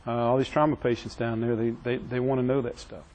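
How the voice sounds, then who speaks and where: A man's voice: mid-range voice, flat delivery, brisk, darkish tone, poor audio. A man teaching a classroom EMS training session, quizzing his trainees and joking with them. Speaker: EMS instructor.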